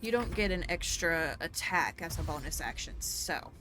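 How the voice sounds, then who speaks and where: Bright-voiced woman narrating her gameplay. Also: fairly low pitch, expressive, normal speed, soft background music. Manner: chatty, playful, explains game mechanics, jokey outbursts. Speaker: gaming streamer. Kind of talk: casual let's-play commentary.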